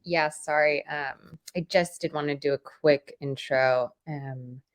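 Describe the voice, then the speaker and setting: A woman facilitating an online meeting invites a newcomer to introduce himself, speaking hesitantly with frequent pauses. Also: low-pitched, fairly even intonation. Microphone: video call.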